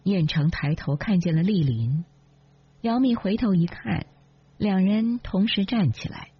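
慢速沙哑的女声有声书朗读. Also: female voice, medium pitch, expressive, unhurried, slightly rough. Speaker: audiobook narrator. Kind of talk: scripted narration. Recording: dull lo-fi, dry.

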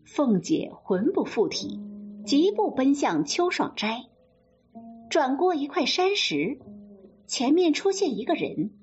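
A woman storyteller narrating a classic novel in an expressive way. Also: high-pitched. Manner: slow, lively, expressive narration. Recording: dull lo-fi sound with faint music.

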